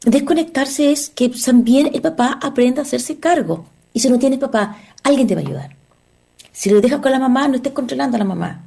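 A woman's voice: high voice, brisk, gravelly, dark tone, slightly rough. A woman therapist giving an earnest motivational talk on relationships, asking her listeners rhetorical questions.

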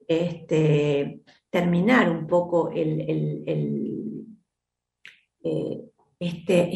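An Argentine woman hosts a self-help advice show, speaking in a reflective, teacherly manner and often pausing to check in with her audience. Her voice sits somewhat low for a woman. The recording has a roomy, echoey sound. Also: gravelly, darkish tone. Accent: Argentine Spanish. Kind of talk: advice program talk to listeners.

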